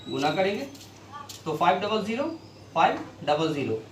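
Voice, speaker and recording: A man's voice: high-pitched, big pitch swings, normal speed. Male maths teacher, board lesson, asks and answers himself, echoey room, mic at a distance, faint hiss.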